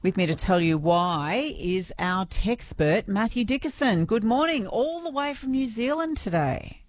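An Australian woman presents on radio with an informal, conversational delivery. Her pitch is middling, and the recording is very dry and close. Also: lively intonation, measured pace, dry recording. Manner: chatty, informal. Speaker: radio host.

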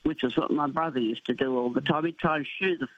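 A woman's voice: rumbling low, quick pace, no room sound. Dull phone-line older Australian woman, missing front teeth. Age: 70s. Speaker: radio phone-in caller. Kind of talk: casual anecdotes and advice. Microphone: telephone. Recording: dull, muffled phone call.

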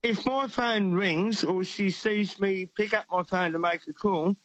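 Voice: medium pitch, unhurried, a bit bright, no echo, muffled recording. A caller telling a casual, jokey story on talkback radio.

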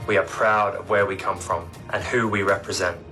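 A man's voice: deep voice, level tone, normal speed, bright, forceful tone. A man speaking proudly and declaratively in a promotional video, played back with music.

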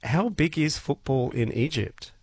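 A man's voice: a little high, expressive, measured pace, breathy edge, no echo. A man hosting a radio interview, reacting with encouraging remarks. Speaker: radio host.

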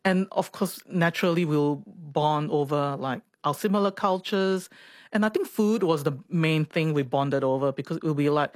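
A woman's voice: low voice, normal speed, no room sound, studio quality. A woman, a doctor telling her life story in an interview, chatty and reflective, often laughing and repeating words. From Singapore.

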